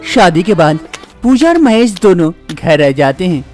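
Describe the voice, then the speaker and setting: A woman narrating a scripted story in an expressive, sing-song way. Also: on the low side, unhurried, faint music behind.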